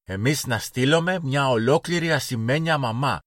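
A man's voice: medium pitch, fairly bright tone, no echo, clean studio sound, pitched above the performer's own voice, natural voice. A man voicing a small girl in a children's storybook reading; she talks earnestly, like a wise little old woman. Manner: earnest, prim, lecturing.

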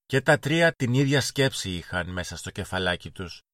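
A man reads a children's story aloud in a calm, measured way. His voice is fairly low and the recording is dry, with no room sound. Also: no echo. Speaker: narrator. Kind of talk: storybook narration.

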